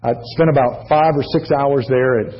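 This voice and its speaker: A man's voice: medium pitch, steady tone, normal speed, highs cut off. A man with an American accent, a pastor preaching a sermon with folksy stories, jokes and asides to the congregation. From United States.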